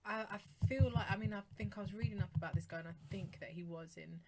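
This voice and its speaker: A woman's voice: medium pitch, fast talker, very noisy. A British woman co-hosting a podcast, chatting casually and enthusiastically about songs, often rambling and laughing. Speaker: podcast co-host. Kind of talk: casual chat reviewing songs.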